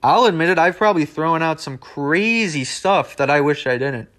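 A young man hosts a solo podcast, talking casually and wandering into asides as he goes. His voice sits a little higher than most men's. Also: lively intonation, normal speed, a bit bright. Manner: rambling and conversational, with asides. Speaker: podcast host.

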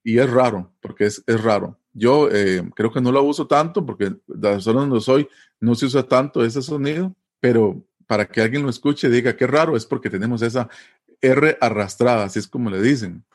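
A man's voice: mid-range voice, moderate pace. A man from Costa Rica with a Costa Rican Spanish accent, explaining things in a conversational interview and often checking in with tag questions.

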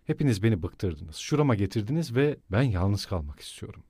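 A man's voice: expressive, a little mellow, no room sound, clean studio sound, lightly acted. A man voicing a bitter, feverish young student. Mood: cold. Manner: low, tight, measured, bitter.

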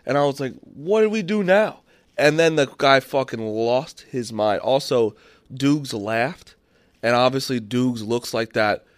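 A young man spins a long, rambling story in a casual chat, swearing as he goes. His voice is mid-pitched and ordinary. The sound is dry and close, with no room around it. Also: measured pace, no echo. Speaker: podcast host.

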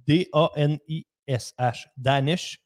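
A man with a Quebec French accent hosting a casual radio show with energetic enthusiasm. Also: fairly high pitch, takes it slowly.

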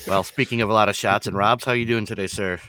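Chatty bright-voiced male podcast host. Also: lowish voice, steady tone, fast, dry recording, studio quality. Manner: chatty, laughs often, restarts sentences. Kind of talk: casual group chat.

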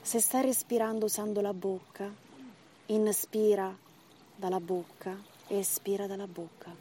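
A woman with a medium-pitched voice leads a breathing meditation. She speaks very slowly, in measured short phrases and counts with open pauses. Clearly audible ambient noise, like running water, sits behind her voice. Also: steady tone, warm tone. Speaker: guided breathing meditation instructor.

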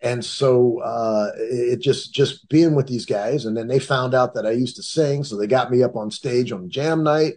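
A man's voice: mid-range voice, unhurried, hardly any pauses, a little mellow. A middle-aged man from the Cleveland and Detroit area, telling his own story in a casual, rambling way with many restarts.

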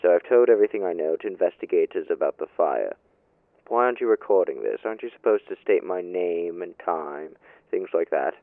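A cornered landlord protests his innocence and demands a lawyer, as a man acts him out. His voice sits very low with a gravelly edge. He stammers defensively through this amateur audio drama. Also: expressive, normal speed, narrow, tinny audio, a little hiss or hum. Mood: indignant. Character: evasive male landlord suspect under interrogation.

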